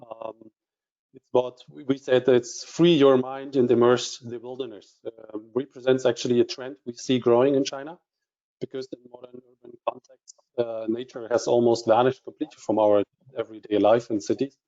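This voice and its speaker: A man's voice: medium pitch, flat delivery, moderate pace, dark tone. A man presenting an award over a video call, his audio breaking up, speaking hesitantly with many fillers and restarts. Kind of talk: live announcement. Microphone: computer mic on a video call. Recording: dull, lo-fi conference call line.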